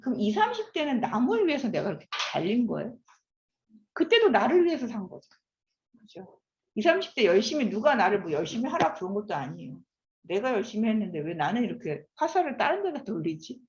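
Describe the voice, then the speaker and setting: Speaking fairly quickly at medium pitch, a woman in her fifties teaches an animated class in a lecture room, frequently asking listeners questions. The room echoes and the sound is slightly dull.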